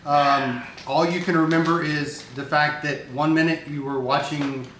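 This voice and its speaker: A man running a tabletop game as game master, narrating in a relaxed, hesitant way with many fillers. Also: fairly high pitch, unhurried. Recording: echoey room with loud noise.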